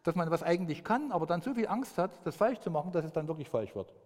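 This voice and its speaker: A man giving a children's sermon as pastor, telling it in a lively way and acting out the voices of the people he quotes. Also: on the high side, quick pace. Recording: long church reverb.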